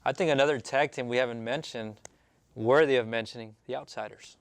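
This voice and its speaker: A man with a middle-pitched voice chatting on a panel. He sounds upbeat and is quick to agree with the others. The recording is dry and close. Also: clean tone, no echo. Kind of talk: casual panel chat.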